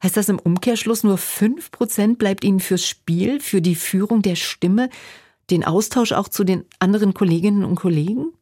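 A woman's voice: mid-range voice, normal speed, warm tone. Composed woman interviewer. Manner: composed, articulate, polished phrasing. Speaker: radio interviewer. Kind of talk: prepared interview questions.

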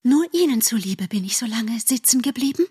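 A woman voicing a vain, affected male butterfly in a storybook, talking high, airy and condescending. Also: lively intonation, unhurried, husky, exaggerated voice.

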